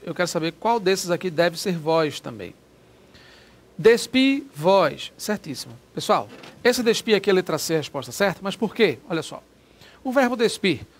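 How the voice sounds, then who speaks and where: A man teaching a grammar lesson for an exam, explaining step by step and asking himself rhetorical questions. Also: sits high.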